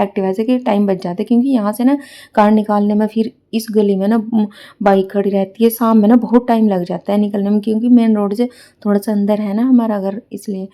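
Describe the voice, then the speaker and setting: A woman's voice: mid-range voice, warm tone. A middle-aged woman narrating a casual family vlog, rambling and chatty with lots of fillers. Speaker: vlogger.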